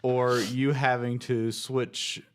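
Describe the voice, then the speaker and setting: A man's voice: mid-range voice, flat delivery, slow pace, smooth. A man co-hosting a local morning TV show, bantering in a laid-back, agreeable way in a studio. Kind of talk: casual studio chat.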